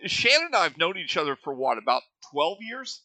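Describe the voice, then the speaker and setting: A man's voice: a little high, sing-song, brisk, pushed and bright, no echo. A man hosting a casual podcast, easygoing and teasing as he chats with his guest. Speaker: podcast host.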